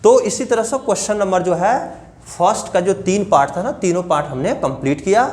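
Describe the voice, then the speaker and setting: A man's voice: high-pitched, expressive, a little fast, darkish tone. A man teaching a math lesson to children, explaining each step and often asking the class questions.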